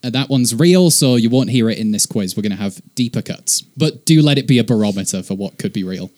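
A man's voice: medium pitch, lively intonation, brisk, darkish tone. A man hosting a comedy podcast quiz, making crude, sarcastic jokes. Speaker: quiz host.

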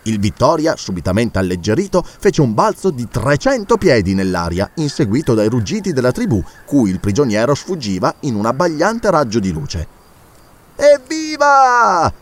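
Guy narrating an audiobook, very lively expressive reading, medium pitch. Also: normal speed, hardly any pauses.

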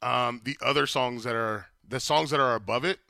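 A man co-hosting a podcast in casual banter, teasing and animated. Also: mid-range voice, moderate pace, vocal fry, no echo, clean studio sound. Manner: animated, teasing, bursts into loud laughter. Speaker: podcast co-host.

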